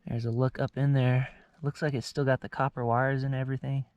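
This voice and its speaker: A man's voice: mid-range voice, little pitch movement, fairly quick, a little mellow, dull audio. A young man talking casually to camera as he hikes outdoors on a mountain slope, explaining what he finds as he goes. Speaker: outdoor explorer and vlogger. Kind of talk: casual narration to camera while hiking.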